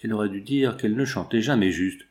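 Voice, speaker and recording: A man reading a classic novel aloud in a measured, even storytelling manner. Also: lowish voice. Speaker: audiobook reader.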